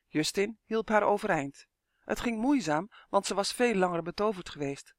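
A man with a high voice narrates a children's storybook in a measured, expressive way. The recording is close and dry, with no room around it. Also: no echo. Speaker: audiobook narrator.

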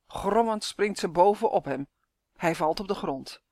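A woman reading a children's story aloud, lively and acting out the characters. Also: mid-range voice, unhurried, no room sound, clean studio sound.

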